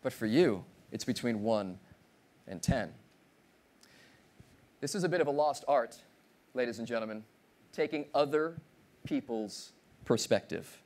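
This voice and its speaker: A man in his thirties giving a motivational keynote on a large conference stage, playful and animated, teasing and quizzing the audience. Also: medium pitch, unhurried, pauses often. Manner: animated, playful, audience-engaging, acts out voices. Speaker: keynote speaker.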